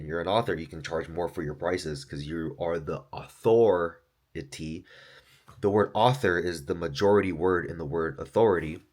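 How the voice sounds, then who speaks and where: A man who is an author and podcaster, talking through his thoughts in a loose, rambling monologue, swearing often and saying "like" and "dude". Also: sits low. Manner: loose, profane, full of fillers like "like" and "dude".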